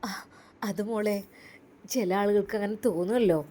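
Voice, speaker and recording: A woman voicing a gentle young mother and bride with a Malappuram accent, speaking softly and tenderly. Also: medium pitch, normal speed, pitched below the performer's own voice, natural voice. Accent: Malappuram Malayalam. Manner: soft, hushed, tender.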